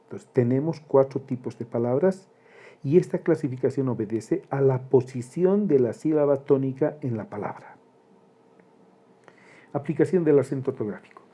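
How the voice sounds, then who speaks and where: Male Spanish grammar teacher, very mellow dark tone, measured explanatory delivery. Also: mid-range voice, animated. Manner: slow and deliberate, spelling out syllables. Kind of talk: grammar lesson.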